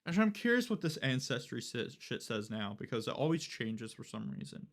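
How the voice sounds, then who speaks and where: A man's voice: medium pitch, very animated, a little fast. A young man live-streaming, chatting casually and rambling with lots of fillers and casual swearing. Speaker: livestreamer.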